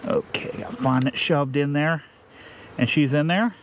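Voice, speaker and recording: A man, a beekeeper, explaining his steps in a casual, unhurried way while he works outdoors. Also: a little high, expressive, a little hiss or hum. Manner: plain, unhurried, thinking aloud while working. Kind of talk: casual how-to narration. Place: outdoors beside a beehive. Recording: faint outdoor ambience with buzzing bees.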